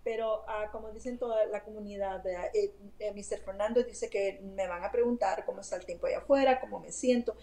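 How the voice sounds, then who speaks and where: Chatty woman telling a story, mellow voice. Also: medium pitch, steady tone, a little fast, hardly any pauses, rough recording. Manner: chatty, many fillers and asides to the host. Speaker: interview guest. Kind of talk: casual storytelling.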